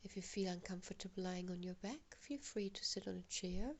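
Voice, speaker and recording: A woman with a fairly low-pitched voice guides a relaxation meditation in a soft, breathy half-whisper. Her instructions are gentle and hushed, with long pauses.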